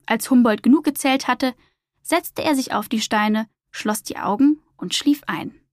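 A woman reading a children's story aloud in a gentle, expressive manner as a podcast storyteller. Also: a little high, measured pace, no room sound, studio quality.

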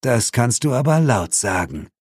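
A man's voice: mid-range voice, big pitch swings, measured pace, breathy edge, no echo. A male narrator voicing a level-headed male partner who speaks in a dry, matter-of-fact way, in an audiobook.

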